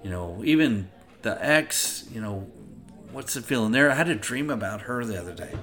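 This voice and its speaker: A middle-aged man hosting a podcast, talking in a rambling, profane, casual way with big swings between loud and quiet. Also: mid-range voice, lively intonation, moderate pace. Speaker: podcast host. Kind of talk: casual monologue.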